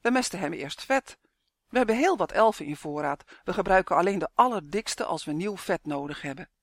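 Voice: mid-range voice, lively intonation, fairly quick, no echo. A reader voicing a greedy, scheming male kobold king in a storybook, talking with slimy friendliness in a dry, close recording. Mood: cheerful.

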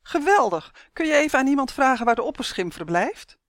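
Young boy stuck as a turtle, anxious and pleading, raised pitch, dry sound, read by a woman. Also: very animated, fairly quick, no echo. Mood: excited. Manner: worried, pleading.

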